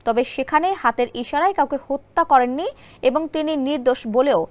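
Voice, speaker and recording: High-pitched Bangladeshi woman reading news. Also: a little fast. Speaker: news narrator. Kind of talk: scripted news narration.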